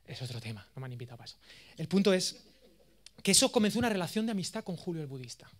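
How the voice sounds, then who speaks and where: A man in his thirties with an accent from Spain, giving a course lecture as a lively, self-mocking storyteller. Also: high voice, rapid-fire. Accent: Spain Spanish. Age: 30s. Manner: animated, self-mocking, jokey.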